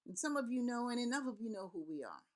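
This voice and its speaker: This Haitian woman, a middle-aged Vodou priest and elder, has a fairly high pitch and talks fast with great animation. Her impassioned address to camera is earnest and rallying, leaning on repeated words and long lists.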